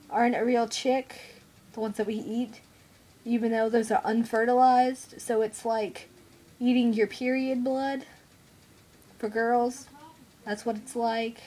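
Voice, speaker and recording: A young mother vlogs in a slow, unhurried way, sharing strong opinions bluntly. She sounds stuffed up and nasal because she is unwell, and her voice sits a little high for a woman. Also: darkish tone. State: congested, feeling unwell. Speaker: mother vlogger. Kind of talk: casual opinion vlog.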